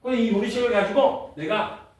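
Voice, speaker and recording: A man's voice: very high-pitched, a little fast. A male teacher lecturing informally, explaining in very simple steps as if to a child and checking that listeners follow. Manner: repeats key points, checks for understanding with short questions. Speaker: science teacher. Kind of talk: classroom lecture. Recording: echoey room, distant mic, faint noise.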